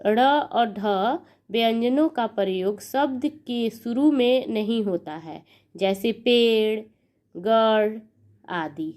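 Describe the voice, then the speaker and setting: A young woman gives a patient grammar lesson in a fairly high voice. She builds each word sound by sound and counts the sounds aloud. Her pace is slow and deliberate. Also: darkish tone. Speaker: teacher.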